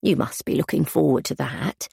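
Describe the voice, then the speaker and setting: A woman voicing a stern, sensible housekeeper who talks in a proper, measured, gently corrective way. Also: deep voice, vocal fry, breathy edge, dry recording, studio quality, heavily acted. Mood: firm, sensible. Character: stern middle-aged housekeeper, prim and sensible.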